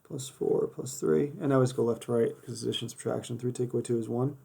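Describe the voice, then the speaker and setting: Filmed from above his desk, paper and hands in view, a man steps casually through math problems in a worked-example lesson while his voice is going. His mid-range voice is steady, fast, creaky and warm, with a breathy edge.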